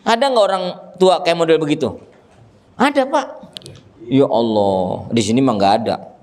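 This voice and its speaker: A man preaching a religious lesson to a gathering, animated and joking with the audience, acting out scolding parents. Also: fairly high pitch, normal speed. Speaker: ustadz teaching a religious study group. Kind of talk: sermon. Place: gathering with children and fathers present.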